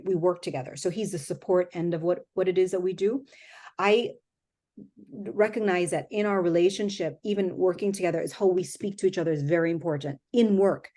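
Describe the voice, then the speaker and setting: A woman's voice: on the low side, warm tone. A middle-aged woman from Jamaica with a Jamaican accent, chatting easily as a guest in an interview, often laughing. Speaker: guest, company founder. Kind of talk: casual interview talk.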